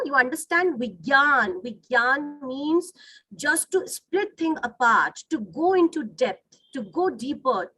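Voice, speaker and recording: Over an online video call, a native Hindi speaker with an Indian accent explains material to her students, restating her points and checking that they're following. Her voice sits high and sounds bright and forceful. The recording is rough.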